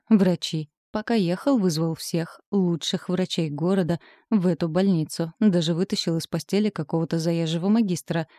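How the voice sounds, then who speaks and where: A woman narrating a first-person comic audiobook with lively storytelling. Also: lowish voice, no echo, clean studio sound.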